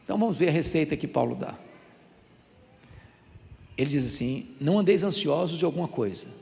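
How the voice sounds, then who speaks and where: A Brazilian man in his sixties, a pastor preaching a sermon with animated storytelling and a fervent build. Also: a little high, fairly quick, creaky, in a large hall. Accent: Brazilian Portuguese.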